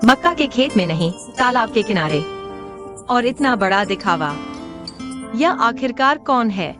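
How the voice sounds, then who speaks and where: A woman dubbing a sharp-tongued young woman in a drama who talks curtly and bluntly. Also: a little high, expressive, unhurried, music in the background. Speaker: voice actor in a Hindi dub. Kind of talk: dubbed TV drama acting.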